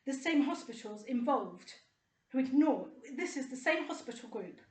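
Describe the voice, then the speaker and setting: A middle-aged woman talks straight to camera in a high voice. Her delivery is indignant and rambling, with a sarcastic edge. The recording carries a roomy echo. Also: animated, normal speed, a little mellow, slight background noise. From United Kingdom. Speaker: vlogger. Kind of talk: personal monologue to camera.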